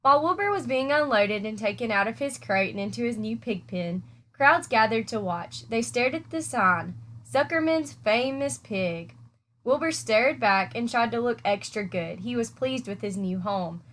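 A woman teacher reading a children's novel aloud with clear, expressive storytelling. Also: mid-range voice.

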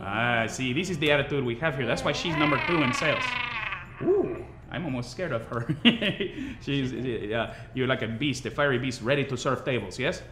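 A man's voice: mid-range voice, expressive, moderate pace, roomy sound, noisy background, close to an everyday voice. A man playing a bossy teasing restaurant manager. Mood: playful.

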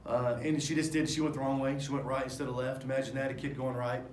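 A man's voice: medium pitch, little pitch movement, quick pace, a little mellow. Middle-aged coach guy at a postgame presser, talks in loose restarts and um's, table mics, echoey room. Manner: candid, rambling with many fillers and restarts. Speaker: head basketball coach. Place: press room in front of a sponsor backdrop. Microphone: table microphones. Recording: echoey room with faint noise.

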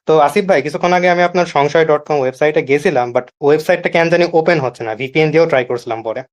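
Male caller on a phone line, slightly high voice, talks fast. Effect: heard over a phone call. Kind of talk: call-in question to a live show.

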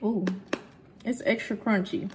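A woman's voice: medium pitch, fairly even intonation, measured pace, background noise. A young woman vlogging casually in her kitchen, chatting to viewers with her mouth full of bacon. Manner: chatty, addresses viewers as "y'all". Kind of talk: casual cooking and eating vlog. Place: home kitchen.

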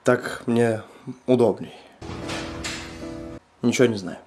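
A man's voice: medium pitch, slow pace, music in the background. A young man talking casually and comically as a video blogger, with crude, sweary language. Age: young adult. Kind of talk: comic casual vlog talk.

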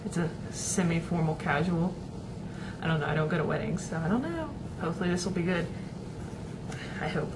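A young woman chats loosely into a desk webcam from a small room at home, drifting between thoughts with plenty of fillers and restarts. Her voice sits slightly low for a woman. A clear hiss runs under the recording. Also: animated, brisk, pauses often. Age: young adult. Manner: rambling, chatty, many fillers and restarts. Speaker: vlogger. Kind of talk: casual webcam chat.

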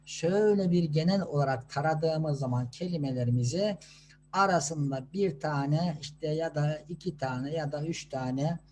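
A man teaching children to read Quranic letters, sounding out syllables slowly and patiently and answering his own questions. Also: on the high side, darkish tone, a little hiss or hum. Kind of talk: slow classroom instruction.

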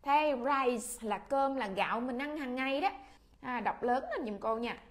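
A woman with a Vietnamese accent leads a children's English class, her voice pitched high. She speaks patiently and repeats each word so the children can read along after her. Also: a little slow. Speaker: English teacher.

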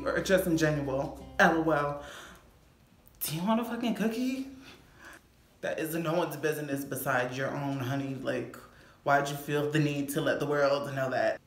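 Young female vlogger, slightly low voice, sassy and expressive casual delivery, strong room echo. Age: young adult. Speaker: YouTube vlogger. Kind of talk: casual sassy reaction vlog to camera. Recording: echoey room, faint music behind.

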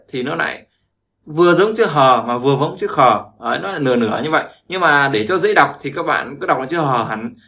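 This man's voice is on the high side, pushed and bright, as he teaches pronunciation. He's a language teacher who repeats sounds again and again and keeps asking whether listeners are following along.

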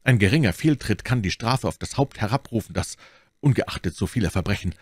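A man's voice: on the low side, expressive, brisk, slightly rough, dry recording. A man voicing a grim, zealous young officer in an audiobook, speaking curtly and pressingly. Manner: curt and pressing. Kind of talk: audiobook character voice.

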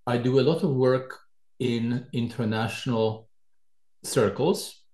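An older man from Poland, a professor giving a measured university lecture introduction with dry asides, in a large lecture hall. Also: medium pitch, a little mellow. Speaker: professor co-leading a lecture series.

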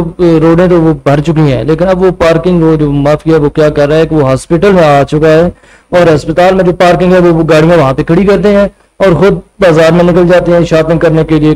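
Punjabi-accented guy on a talk panel, a bit high, warm dark tone, lots of uhs. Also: poor audio. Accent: Punjabi Urdu. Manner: explains proposals point by point, many hesitations. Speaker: panel guest. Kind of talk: studio panel discussion. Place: TV studio set. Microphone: table mic.

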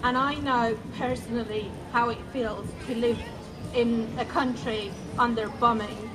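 Woman from Iran, outdoor rally speaker; earnest, indignant, fairly high voice, street noise. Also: steady tone, a little slow, crowd noise. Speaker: protest speaker. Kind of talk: rally speech. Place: outdoor square.

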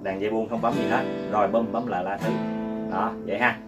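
A man giving a casual guitar lesson, talking in a chatty, repetitive way and counting strum patterns out loud. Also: on the low side, steady tone, fast talker. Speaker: guitar teacher. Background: loud guitar playing.

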